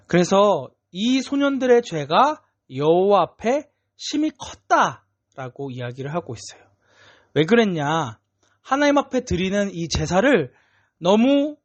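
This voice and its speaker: Lively man preaching to children. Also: fairly high pitch, dull audio. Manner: animated, playful, chatty with kids, frequent 'ne'. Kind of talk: children's sermon storytelling. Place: church worship room.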